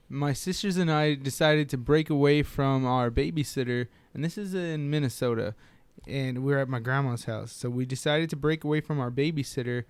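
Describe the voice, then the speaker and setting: A man co-hosting a casual chat, who cuts in with quick questions and tells his own story in an easygoing way. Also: a little high, clear, resonant tone, no echo. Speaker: podcast co-host.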